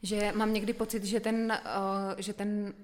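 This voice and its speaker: A woman's voice: mid-range voice, flat delivery, slight background noise. A woman hosting a conversation, asking earnest and probing questions in long winding sentences. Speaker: interviewer, host. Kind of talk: reflective conversation.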